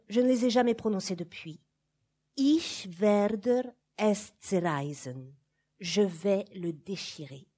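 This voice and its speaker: A woman reads a novel aloud at an unhurried, deliberate pace. Her voice is soft and breathy. The reading is measured and expressive, rising in force on some phrases and sinking to near-hush on others. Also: mid-range voice. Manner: measured, expressive reading with sudden swells and hushed drops. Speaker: reader of a novel. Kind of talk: literary audiobook reading.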